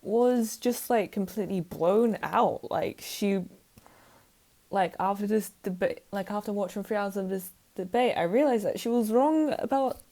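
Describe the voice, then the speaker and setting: A woman's voice: medium pitch, measured pace, dark tone. Woman vlogger, casual rambling monologue, self-mocking, plenty of fillers.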